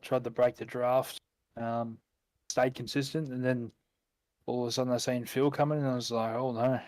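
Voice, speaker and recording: Flat-toned, laid-back Australian man. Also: mid-range voice, dry recording. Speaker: sim racing driver. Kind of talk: casual post-race interview.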